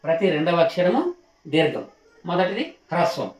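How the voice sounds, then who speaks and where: A male teacher giving a slow alphabet lesson, patiently repeating each sound and stopping to ask his learners questions while he writes. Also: on the high side, expressive. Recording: roomy echo.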